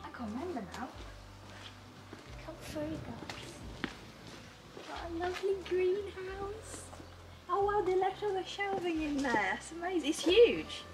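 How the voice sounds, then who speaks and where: Bubbly high-voiced woman vlogging a house tour. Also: expressive, measured pace, long pauses, a crowd in the background. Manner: bubbly, gushing and exclamatory. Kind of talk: casual house tour vlog. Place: empty house and its garden. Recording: echoey rooms, far from mic, music behind.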